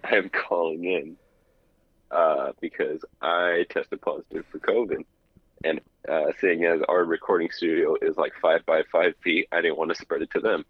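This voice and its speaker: A podcast co-host calls in by phone from his apartment, his very low, husky, steady voice heard dry and lo-fi through the studio with no room sound. At normal speed he chats casually, rambling through stories and restarting words over a dull phone line.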